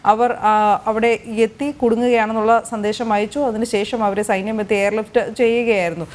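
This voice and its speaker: A woman anchoring live TV news, setting up a long question to a reporter in measured phrases with brief fillers. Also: on the high side, little pitch movement.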